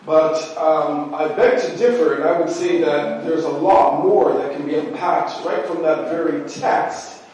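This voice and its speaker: This sermon comes from a man whose slightly high, somewhat mellow voice moves at a measured pace, sounding nasal and congested from allergies. He talks conversationally, packing his speech with "you know" fillers. Captured at a distance in a very reverberant church sanctuary, the audio carries a little hiss or hum.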